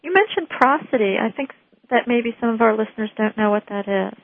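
A woman's voice: on the high side, brisk, no echo. A woman host asking a guest questions, with short prompts and follow-ups. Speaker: interview host. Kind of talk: interview questions. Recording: tinny phone-like line, dry.

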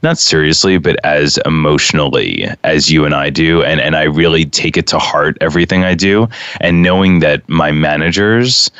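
A man speaking as a guest on a radio show, earnest and heartfelt, with halting restarts. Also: a bass voice, a bit bright, clean tone, no echo. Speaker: radio show guest, real estate agent. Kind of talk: casual talk radio interview. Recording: dry muffled radio audio.

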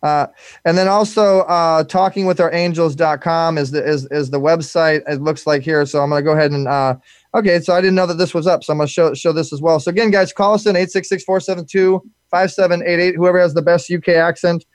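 Guy hosting a live show, kinda high voice, lots of uh and repeats, dry sound. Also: steady tone, fairly quick, smooth, dry recording. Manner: restless, repeats words, many fillers. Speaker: show host.

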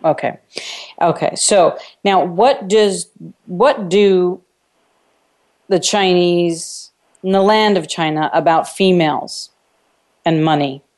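A woman hosts a radio call-in show, coaching a caller live with encouragement, affirmation, and probing questions. Her fairly low voice has a darkish tone, and she speaks slowly, pausing often.

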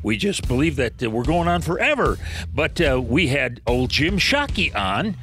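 A man's voice: on the high side, big pitch swings, normal speed, a bit bright, soft background music. A man co-hosting a radio show in casual chat.

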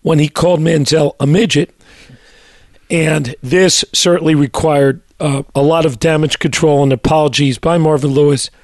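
A middle-aged male doctor co-hosting a sports talk show, his voice hoarse and a little raspy, talking in a measured way with many fillers and restarts. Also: fairly high pitch, steady tone, a little mellow, no echo, clean studio sound. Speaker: co-host, doctor.

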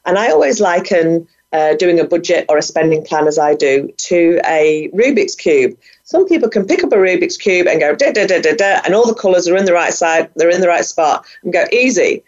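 A woman's voice: on the low side, expressive, fairly quick, a little mellow. Chatty enthusiastic woman, lo-fi audio. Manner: enthusiastic, chatty, many fillers. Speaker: guest, budgeting coach. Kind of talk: casual interview talk. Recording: dull lo-fi audio.

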